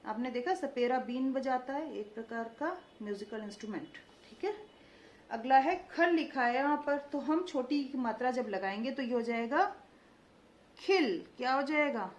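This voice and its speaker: A young woman teaching children Hindi vowel marks, drawing out each word slowly and asking call-and-response questions. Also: high-pitched, roomy sound. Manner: slow, drawn-out pronunciation of each word, stressing vowel length; frequent "ठीक है" check-ins and call-and-response questions. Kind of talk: children's Hindi phonics lesson. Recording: slightly dull lo-fi recording.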